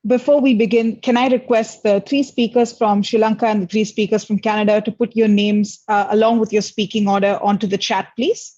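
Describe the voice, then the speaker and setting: A woman's voice: medium pitch, steady tone, fairly quick, few pauses, mellow. A woman chairing an online debate, giving polite, procedural instructions over a video call. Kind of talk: formal moderating. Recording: dull video call audio.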